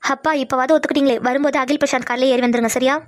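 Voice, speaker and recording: A woman's voice: high-pitched, steady tone, racing, no echo, close to an everyday voice. A woman voicing a friendly but insistent older woman in a Tamil cartoon, coaxing a younger friend over the phone.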